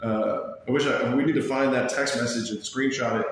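A man's voice: medium pitch, fairly even intonation, normal speed. A man chatting casually as an interview guest in a small room, rambling along in laid-back slang. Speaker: interview guest, bar and band member. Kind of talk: casual chat. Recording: very echoey small room, faint noise.

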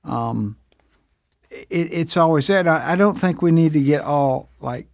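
A man co-hosting a casual faith podcast discussion, rambling and animated, acting out voices as he retells stories. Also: on the high side, a little slow, creaky, no echo, studio quality. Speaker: podcast co-host.

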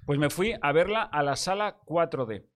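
A man's voice: a little high, expressive, moderate pace. A middle-aged man telling a comic story with swearing and sound effects on a banter show. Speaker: co-host.

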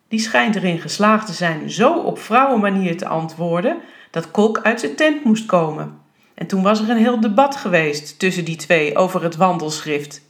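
A woman reads a novel aloud with lively, expressive storytelling. She tells the story at a steady reading pace. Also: medium pitch. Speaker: reader.

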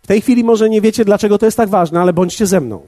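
High-voiced male pastor preaching. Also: dark tone, no room sound. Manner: measured, addresses the congregation directly. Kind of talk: sermon.

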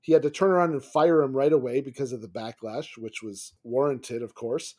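A man co-hosting a sports podcast, talking in long runs with restarts and getting animated and laughing when riled. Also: medium pitch, fairly quick. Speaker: podcast co-host. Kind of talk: casual sports podcast chat.

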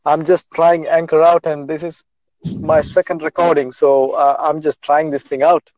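A man's voice: on the high side, level tone, moderate pace, a little mellow, no room sound. A man from Australia chatting casually as a guest, agreeable, restarting and repeating his words, on a lo-fi recording. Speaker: accountant, podcast guest. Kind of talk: casual chat. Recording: dull lo-fi sound.

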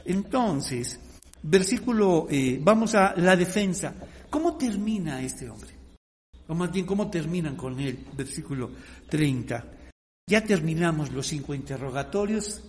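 Brief: high-pitched male preacher, lively acted-out sermon, long hall echo. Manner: animated, acts out the blind man and the leaders.

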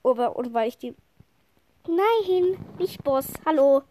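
Excitable young-sounding woman gaming with a cold. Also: high voice, takes it slowly, slight background noise. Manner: chatty, excitable, giggly. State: has a slight cold. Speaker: gamer playing with friends. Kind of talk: casual gameplay chat.

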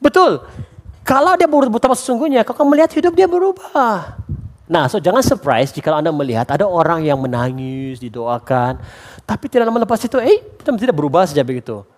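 Animated Bornean pastor, slightly high voice. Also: male voice, a little fast. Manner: animated, mixes English phrases into his preaching; acts out quoted voices for humor. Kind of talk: lively sermon.

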